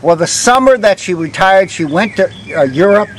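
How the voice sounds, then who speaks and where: An older man with a fairly high voice works as a walking tour guide, telling local stories in a conversational, halting way. His phrases often trail off softly. He is recorded outdoors, with faint street noise behind him. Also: expressive. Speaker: ghost walk guide, former vice principal. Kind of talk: live storytelling to a walking tour group.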